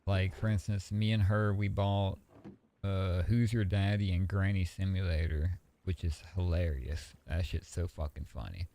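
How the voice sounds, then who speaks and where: Gravelly low-voiced man chatting casually. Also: measured pace. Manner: relaxed, rambling, swears freely. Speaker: streamer. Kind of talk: casual stream chat.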